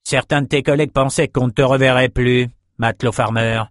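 A man reading an audiobook voices a stern woman ship's captain giving brisk orders. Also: mid-range voice, steady tone, dry recording, studio quality, close to an everyday voice. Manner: brisk, commanding.

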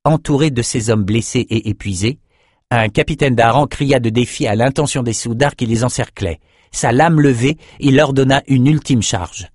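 A man reading a fantasy story aloud as narrator, in a measured, dramatic way. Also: medium pitch, a little mellow, dry recording, clean studio sound.

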